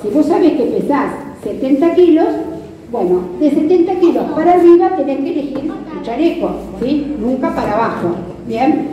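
In a big hard-floored club hall, a middle-aged Rioplatense Argentine woman instructs a seated audience on kayak fishing safety, chatting conversationally and using question tags to check in. Her voice is high-pitched, expressive, and dark at a moderate pace, and the audio is dull. A distant camera recorded her handheld mic over the PA, giving echoey, distant sound with crowd murmur.

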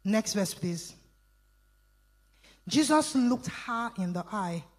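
A woman's voice: medium pitch, animated, slow pace, darkish tone, poor audio. A woman speaker giving an interactive Bible teaching talk at a meeting, reading verses aloud, explaining them and quizzing the audience with call-and-response questions.

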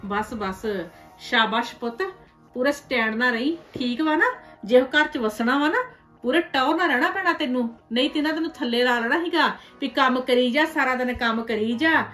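Woman playing a high-voiced scheming village aunt. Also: moderate pace, fairly bright tone, soft background music, lightly acted. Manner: gossipy, scolding, ends remarks with "haiṅ?". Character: meddling scheming village aunt, sharp-tongued. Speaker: paternal aunt. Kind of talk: web series drama dialogue.

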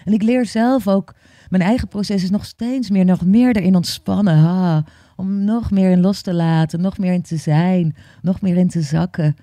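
Woman yoga teacher as podcast guest; earnest, halting, repeats words; warm and dry. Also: fairly low pitch, steady tone, no room sound. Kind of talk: open conversational interview.

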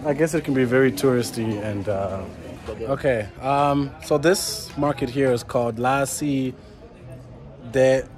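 A young man in his twenties vlogs his travels while strolling through a city, holding the camera at arm's length. He speaks at medium pitch, unhurried, filling his rambling talk with restarts and filler words. Street traffic hums behind him, with music playing over it.

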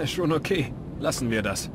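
A man's voice: a little high, background noise. A man voicing a wry, self-mocking adventurer. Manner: dry, self-mocking narration. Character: wry young male adventurer. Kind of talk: fan-dubbed adventure game dialogue.

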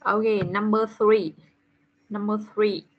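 A woman with a Vietnamese accent teaching English to a child in an online class, slowly repeating words for the child to copy. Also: mid-range voice, little pitch movement, husky. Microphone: video call. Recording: dull lo-fi call audio.

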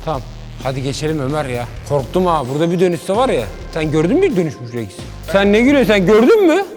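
High-pitched guy vlogging, jokey and animated, some faint music. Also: fast talker. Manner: joking, animated. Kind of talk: comedic vlog.

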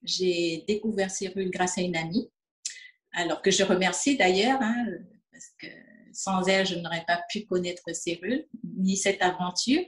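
A woman's voice: lowish voice, normal speed, echoey room. Hesitant fifty-year-old woman from French Guiana. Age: 50s. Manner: hesitant, many fillers, acts out quoted dialogue. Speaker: interviewee, distributor. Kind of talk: testimonial interview.

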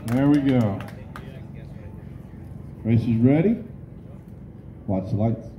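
A man announcing race lanes and results in brisk, clipped calls at an outdoor race event. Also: medium pitch, animated, muffled recording, a little hiss or hum. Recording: over a loud crowd.

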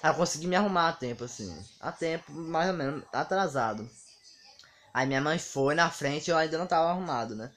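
A man's voice: fairly high pitch, fairly quick. A man, telling stories in a casual vlog monologue and acting out the dialogue. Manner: animated, acts out quoted dialogue. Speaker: vlogger.

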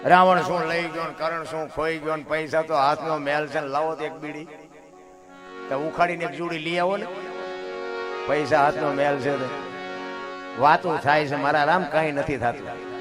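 A man telling folk stories and moral lessons to a live audience, animated, with sudden loud rises and warm calls to his listeners. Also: on the high side, moderate pace, pauses often, music in the background. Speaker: folk storyteller. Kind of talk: folk storytelling sermon before an audience.

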